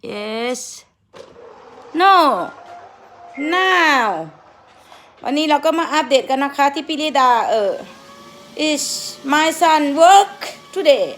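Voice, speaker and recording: A middle-aged Thai woman talking casually in a vlog outdoors, in halting, simple English with many fillers. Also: sits high, expressive, soft background music. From Thailand. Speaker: vlogger. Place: outdoors near a bus stop.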